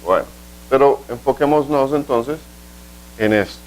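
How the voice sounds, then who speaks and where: A man's voice: mid-range voice, low-quality recording. Patient male teacher explaining grammar. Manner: explains step by step, asks rhetorical questions, slows down for example sentences. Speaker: English teacher. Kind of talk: video grammar lesson.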